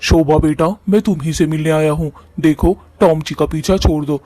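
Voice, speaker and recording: A man's voice: on the high side, fairly even intonation, mellow, natural voice. A man voicing a shameless, lecherous old father-in-law in a cartoon story, talking in a wheedling way. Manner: wheedling, drawn-out.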